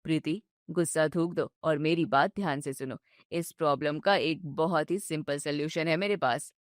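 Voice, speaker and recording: A woman voicing a young husband who calmly soothes his upset wife. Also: normal speed, no echo, studio quality, close to an everyday voice. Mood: soothing. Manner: low, soothing and patient. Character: young husband, calm peacemaker between wife and mother.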